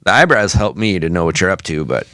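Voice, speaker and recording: A man with a lowish voice trading wry, laid-back banter on a podcast. The sound is dry and close to the mic, with no room around it. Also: sing-song, quick pace, a bit bright, dry recording. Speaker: podcast co-host. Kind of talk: casual chat.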